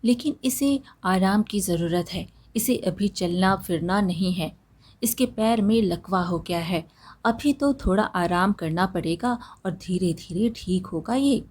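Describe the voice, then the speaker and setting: A woman voicing a calm village doctor who speaks in a reassuring, matter-of-fact way. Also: mid-range voice, measured pace, lightly acted.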